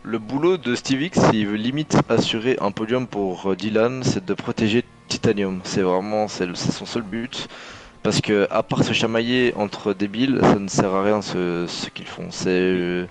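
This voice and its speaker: A man's voice: fairly low pitch, moderate pace. A man co-commentating motor racing live, casual, opinionated and mocking.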